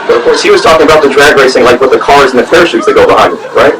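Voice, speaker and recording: A man from the American South doing a stand-up set, telling stories in a deadpan way. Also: mid-range voice, very fast. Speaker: stand-up comic. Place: comedy club stage with audience. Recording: distant mic, loud crowd.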